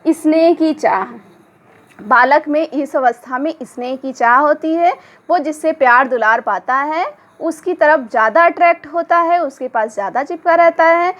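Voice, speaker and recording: High-pitched lady lecturing, asks questions and answers them herself, kinda muffled recording. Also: moderate pace, fairly bright tone. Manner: explanatory, poses questions then answers them. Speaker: teacher. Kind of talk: exam-prep lecture. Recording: dull lo-fi recording.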